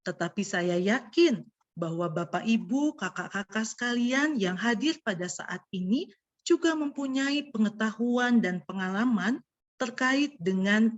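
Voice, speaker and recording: A woman who cannot roll her r, so it sounds soft and unclear, presenting interactively as a guest speaker to an online audience. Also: medium pitch. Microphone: video call. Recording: dull lo-fi online call audio.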